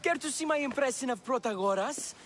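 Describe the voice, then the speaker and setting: A man's voice: very high voice, expressive, a little fast, fairly bright tone, a little hiss or hum. An actor playing a teasing, theatrical male comic playwright in a video game. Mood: mocking. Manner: teasing, theatrical, loves his own jokes. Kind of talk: video game character dialogue.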